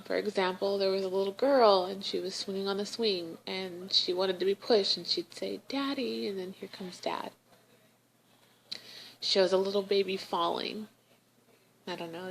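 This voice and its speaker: Slow-talking woman in an emotional video diary. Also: mid-range voice, creaky, slight background noise, rough recording. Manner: slow, halting, emotional, many ums. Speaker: vlogger.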